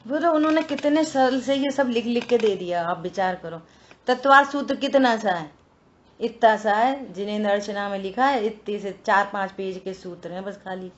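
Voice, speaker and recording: A woman leading a religious scripture study in a lively conversational way, asking rhetorical questions and teasing her listeners. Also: medium pitch, normal speed. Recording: dull lo-fi recording.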